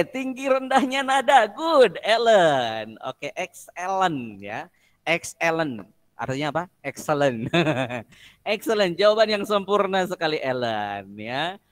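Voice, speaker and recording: A man teaching an online music class, quizzing students with jokes and singing solfège drills. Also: high voice. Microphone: video call.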